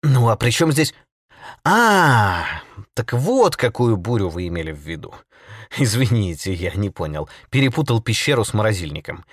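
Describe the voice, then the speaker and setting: A man voicing an energetic young male secretary who talks in a hushed, hurried way. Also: fairly low pitch, slightly rough, no echo, clean studio sound. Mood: eager.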